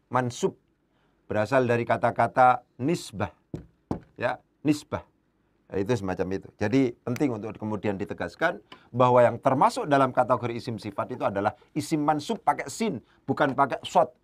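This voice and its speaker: A man giving an evening Arabic grammar lesson, patiently explaining and repeating key terms, his voice lifting whenever he stresses a point. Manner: rises in pitch and volume when driving a point home.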